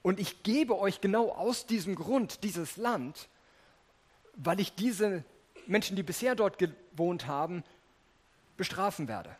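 A man's voice: sits high, expressive, slow, slightly rough. A man preaching a sermon in a conversational way, speaking directly to his listeners and reading scripture aloud.

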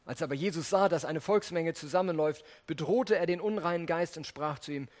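Earnest preacher with a higher voice. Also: male voice, brisk. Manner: earnest, addresses listeners directly. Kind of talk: sermon with Bible reading.

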